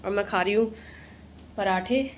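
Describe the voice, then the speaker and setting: A woman's voice: medium pitch, measured pace, slight background noise. A young woman casually chatting as she vlogs her day at home, rambling along while she cooks and cleans, recorded on a phone camera. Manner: chatty, rambling, talks while doing chores. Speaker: vlogger. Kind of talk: casual home vlog chat. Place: home kitchen and rooms.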